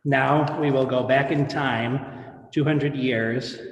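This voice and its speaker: Guy reading a local history intro, mid pitch, lots of reverb, faint noise behind. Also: steady tone, takes it slowly, muffled recording. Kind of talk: prepared speech, explanatory narration of history. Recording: echoey, reverberant sound with faint background noise.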